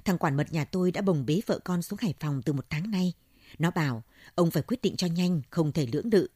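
A woman's voice: lowish voice, expressive, brisk, dark tone, husky, dry recording, studio quality. A woman reading the part of a worried elderly male landowner who anxiously pleads for advice.

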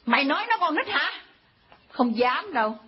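An actress playing a cantankerous old grandmother who scolds and insults, with a husky voice. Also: high-pitched, big pitch swings, moderate pace. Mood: scolding. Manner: scolding, insulting, mock-sweet. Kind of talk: comedy skit acting. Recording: dull lo-fi recording.

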